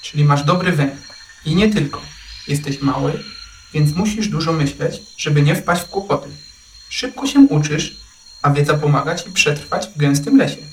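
A man voicing a huge, calm and wise old male buffalo in a storybook. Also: a little high, moderate pace, roomy sound, distant mic, a little hiss or hum, lightly acted. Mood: kind. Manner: calm, patient.

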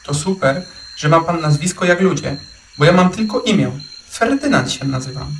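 A man's voice: on the high side, expressive, normal speed, gravelly, roomy sound, far from the mic, slight background noise, poor audio. A man voicing a small, timid male mouse-deer who chatters eagerly in a storybook.

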